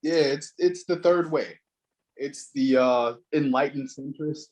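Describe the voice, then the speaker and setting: A man's voice: a little high, measured pace, a little mellow. A man co-hosting a casual panel chat over a muffled, degraded online call, talking in a sarcastic, mocking way. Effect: muffled, degraded call audio.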